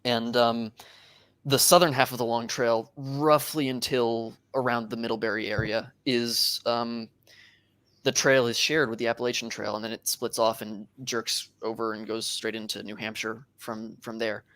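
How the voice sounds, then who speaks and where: A man's voice: medium pitch, level tone, moderate pace, fairly bright tone, no echo. A young man chatting as a guest on a video call, hesitant with many ums and uhs. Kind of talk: casual chat.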